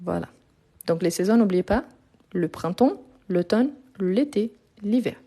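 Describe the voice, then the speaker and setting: A woman's voice: medium pitch, animated, measured pace, dark tone. A woman teaching a live online French lesson, explaining grammar patiently step by step and often checking in with her viewers.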